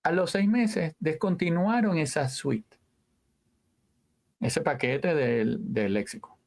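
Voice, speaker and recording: A man talks as a guest in a relaxed interview. His voice sits a little high and has a gravelly edge. He tells stories with energy, full of sound words and trailing asides. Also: slow. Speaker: guest, audio engineer. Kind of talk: casual interview chat.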